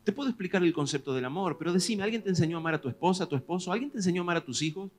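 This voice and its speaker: Animated Rioplatense pastor preaching. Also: male voice, sits high, very fast. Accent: Rioplatense Spanish. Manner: animated preaching, rising loud on questions to the congregation. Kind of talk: sermon.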